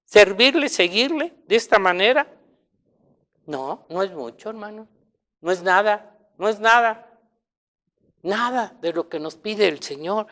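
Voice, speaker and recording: A man with a Mexican accent preaching an informal sermon and closing in prayer, often checking in with his congregation and swinging between loud emphasis and soft asides. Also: high-pitched, expressive, a little slow, pauses often.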